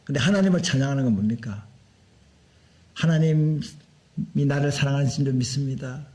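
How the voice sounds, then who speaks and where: A man preaching a Sunday sermon as a pastor, animated and full of rhetorical questions. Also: medium pitch, moderate pace. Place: church sanctuary.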